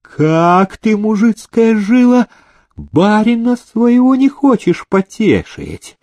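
A man voicing a domineering old factory owner who shouts slow, drawn-out threats. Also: mid-range voice, very animated, husky, no room sound, full character voice.

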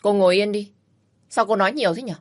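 A woman's voice: medium pitch, fast talker, lightly acted. A woman voicing a cocky, teasing young man with a brusque, mocking way of talking, in a storybook reading.

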